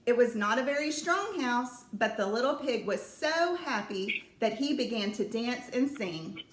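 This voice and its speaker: A woman reading a children's story aloud in a slow, even storytelling manner. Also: fairly high pitch, reverberant.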